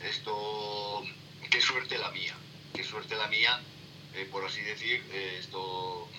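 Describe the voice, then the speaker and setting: Halting middle-aged man on a noisy line. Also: lowish voice, steady tone. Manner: halting, many fillers and repeated "¿eh?". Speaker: sailing instructor. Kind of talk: rambling interview answers. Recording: distant noisy remote line.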